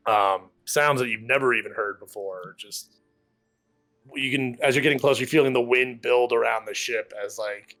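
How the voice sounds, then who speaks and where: A man's voice: mid-range voice, normal speed, fairly bright tone, faint music behind. A man narrating a tabletop game as game master, describing the scene loosely with many fillers. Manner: rambling, filler-heavy description.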